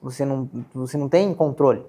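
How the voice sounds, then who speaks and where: A man's voice: medium pitch, fast talker, mellow. A Brazilian man hosting a casual faith podcast interview, asking questions and padding them with fillers. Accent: Brazilian Portuguese. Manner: asks questions with many "cara" and "né" fillers. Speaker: podcast host.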